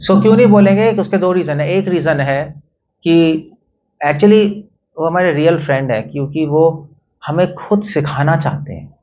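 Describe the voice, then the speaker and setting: A man's voice: fairly high pitch, measured pace, warm tone, slight background noise. A man giving a conversational devotional talk, mixing in English phrases and putting questions to his listeners. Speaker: temple speaker. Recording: dull lo-fi recording.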